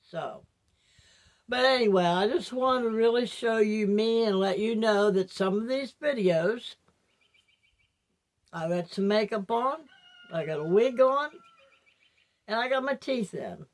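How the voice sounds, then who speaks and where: An older woman, speaking without her teeth in, addresses her viewers in a rambling, reflective and halting personal vlog monologue. Her voice is on the high side and expressive.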